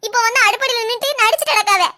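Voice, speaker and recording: A wronged young wife, as a woman puts her on, fires back in a shrill, piercing voice. She talks fast and sarcastically, and her high, bright tone never lets up. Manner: shrill, indignant, quick, sarcastic. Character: sharp-tongued young wife who feels wronged.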